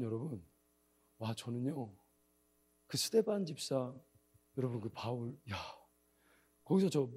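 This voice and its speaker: Animated male missionary preaching. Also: medium pitch, husky. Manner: animated storytelling, swinging between quiet asides and loud outbursts. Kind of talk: sermon. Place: church sanctuary.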